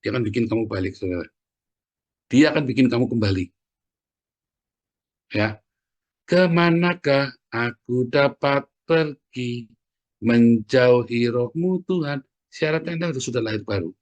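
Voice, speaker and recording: A middle-aged man preaching a sermon, often adding "Saudara ya" and dropping from loud peaks to quiet asides. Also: lively intonation, unhurried, pauses often. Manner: conversational preaching, often tagging phrases with "Saudara ya"; swings from loud emphatic peaks to low asides.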